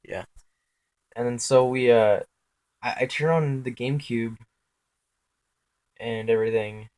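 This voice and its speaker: A young man casually recounting his dreams in a halting, rambling way, full of filler words, self-corrections and casual swearing. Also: mid-range voice, fairly even intonation, darkish tone.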